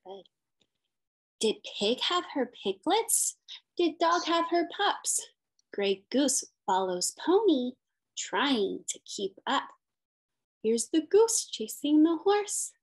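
The audio is poor as a woman in her thirties, a special education teacher, reads a picture book aloud at a slow pace. Her voice is high-pitched and sing-song, with simple phrases and questions for young children.

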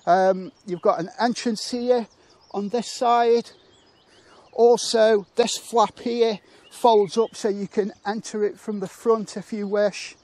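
A man casually demonstrating how to pitch a tent outdoors, chatting and thinking aloud with fillers, poking fun at himself. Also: fairly even intonation, slow, a little mellow. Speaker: motorcycle touring reviewer.

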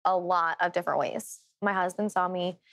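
A woman's voice: fairly low pitch, steady tone, normal speed, fairly bright tone. An American woman with a heavy Dakota accent, chatting candidly and animatedly as an interview guest. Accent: North or South Dakota. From Dakotas, United States. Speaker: reality show cast member, guest.

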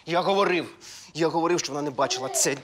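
An actor playing a jealous, agitated husband in a TV drama, questioning insistently. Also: male voice, fairly high pitch, fast, fairly bright tone. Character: jealous, agitated husband, middle-aged man. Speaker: husband, former footballer. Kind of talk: TV drama acting.

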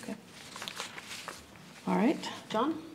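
A woman chairing a board meeting, moving briskly through motions and votes. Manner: brisk, procedural. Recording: noisy meeting room.

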